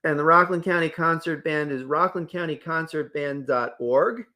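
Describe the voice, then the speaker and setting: A man's voice: a little high, normal speed, pushed and bright. A man co-hosting a casual local morning radio show, upbeat and reading sponsor plugs with enthusiasm.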